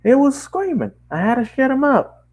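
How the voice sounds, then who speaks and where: A man's voice: very high voice, big pitch swings, moderate pace, a little mellow, voice pushed up, heavily acted. A man voicing a blunt female farm pony with a Southern drawl. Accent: American Southern.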